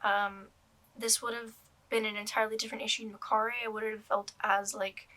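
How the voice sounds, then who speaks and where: Bright-voiced young woman rambling about a purchase. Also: medium pitch, flat delivery, fairly quick. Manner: rambling, many ums and restarts. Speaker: doll collector vlogger. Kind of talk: casual vlog review.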